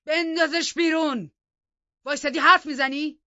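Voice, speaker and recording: A woman voicing a furious, brutal middle-aged master of the house who shouts threats, in a dull lo-fi recording. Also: high voice, steady tone, dry recording, voice pushed up. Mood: raging.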